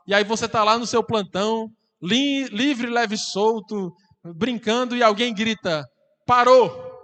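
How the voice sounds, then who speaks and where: A man preaches with fervor, his voice pitched high for a man. The sound carries a long reverb from the church hall. He swells into loud, impassioned climaxes. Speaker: pastor. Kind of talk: sermon.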